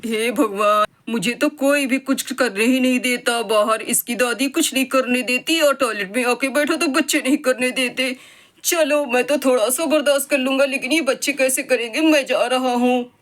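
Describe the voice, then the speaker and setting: A woman's voice: high voice, normal speed, fairly bright tone. A woman voicing a grumpy old grandfather who grumbles and feels put-upon. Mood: grumbling.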